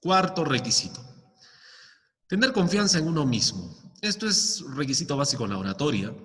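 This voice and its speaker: A man's voice: fairly high pitch, big pitch swings, normal speed, fairly bright tone, big-room sound. A male teacher giving a recorded lesson, explaining step by step and often checking with the class. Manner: explains with many rhetorical questions and "¿ya?" checks.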